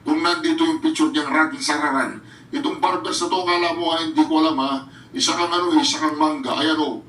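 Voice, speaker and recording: A man's voice: a little high, steady tone, fairly quick, a bit bright, roomy sound, far from the mic, a little hiss or hum, rough recording. A man doing mocking reaction commentary, taunting, often bursting into laughter and addressing his viewers directly. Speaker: reaction vlogger.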